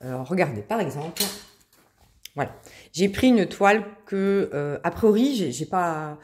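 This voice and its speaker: A woman hosting a craft tutorial, explaining casually with many pauses and restarts. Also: fairly low pitch, animated, darkish tone. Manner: chatty, many hesitations and restarts.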